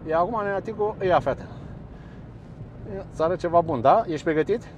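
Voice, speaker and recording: A man's voice: a little high, animated, highs cut off. A man giving chatty, sarcastic commentary straight to his viewers while standing beside a busy road. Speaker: local vlogger. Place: roadside by a busy road, outdoors. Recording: faint outdoor traffic noise. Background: passing traffic and trucks.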